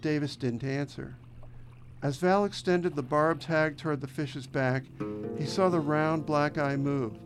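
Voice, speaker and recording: A man reading an audiobook in a measured, descriptive narration. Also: on the high side, fairly even intonation. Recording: narration over background music.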